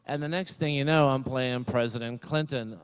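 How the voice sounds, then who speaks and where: An older man speaks into a podium microphone at a graduation ceremony, his voice smooth and resonant. He rambles through a comic commencement speech, mocking himself and filling his pauses with ums and uhs. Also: medium pitch. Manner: rambling, self-deprecating, many fillers.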